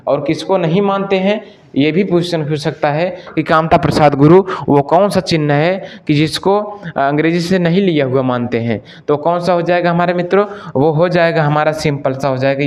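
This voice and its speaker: A male Hindi teacher giving an exam-prep lesson, repeating each question to the class and then answering it himself, and addressing listeners as friends. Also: on the high side. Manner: stretches out example sentences slowly.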